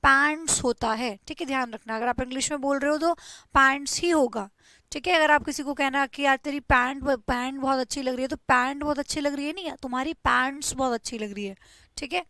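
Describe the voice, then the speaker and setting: A woman's voice: sits high, a little fast, sharp tone, no room sound. A young woman teaching English grammar in Hindi, explaining patiently and repeating each word for her students. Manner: explains patiently, repeats words, drills spellings. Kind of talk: Hindi-language grammar lesson.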